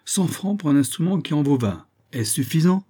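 Brief: a man playing an amused, courteous officer, warm, slightly raised. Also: fairly high pitch, animated, moderate pace, husky, voice pushed up. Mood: persuasive. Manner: courteous, persuasive. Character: patient, amused male army captain.

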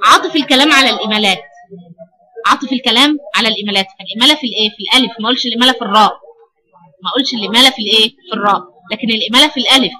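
A woman's voice: on the high side, rapid-fire, bright, forceful tone. A woman with an Egyptian accent teaching a recitation class, quizzing her students and repeating the key answers. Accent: Egyptian Arabic. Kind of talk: classroom lesson with questions. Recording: noisy crowded classroom.

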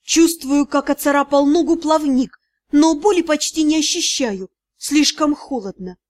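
Woman, high voice, first-person fantasy audiobook narration, dramatic, emotional. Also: unhurried, a little mellow.

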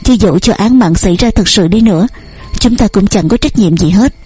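A woman's voice: mid-range voice, fairly quick, dark tone, slightly rough, faint music behind, close to an everyday voice. Woman voicing an anxious protective mother. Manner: soothing, urgent. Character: worried middle-aged mother, anxious and protective.

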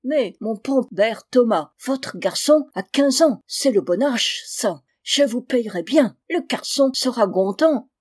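A woman voicing an eager, scheming middle-aged German man who wheedles and chuckles high. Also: expressive, slow, few pauses, slightly rough, no echo, clean studio sound, exaggerated voice. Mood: wheedling.

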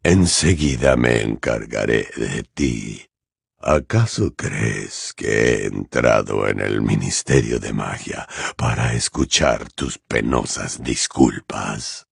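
A man voicing a cold, cruel male dark lord wizard in an audiobook, talking slowly and with contempt. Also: extremely low pitch, vocal fry, husky, dry recording, studio quality, voice pushed down, heavily acted. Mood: cold menace. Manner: slow, menacing, contemptuous. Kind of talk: audiobook character voice.

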